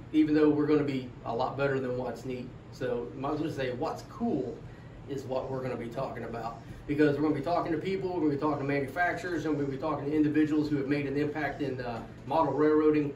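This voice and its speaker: A man's voice: on the high side, a little mellow. A middle-aged man with an American accent hosting a casual podcast, rambling and joking. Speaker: podcast host. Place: echoey room, away from the mic. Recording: echoey room, distant mic, faint noise.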